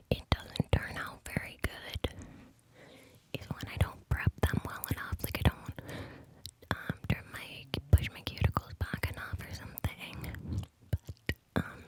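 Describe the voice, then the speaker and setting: A woman whispering a rambling, hesitant ASMR monologue in a breathy cupped-hand whisper, very close to studio microphones. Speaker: ASMR video host. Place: home studio room. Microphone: studio condenser mics with foam cover, very close.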